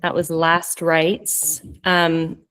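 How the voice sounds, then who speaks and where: A woman's voice: deep voice, monotone, drawn-out words, fairly bright tone, clean tone. A young woman poet reading her own poems at a virtual launch, joking between earnest readings. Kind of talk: virtual poetry reading with banter.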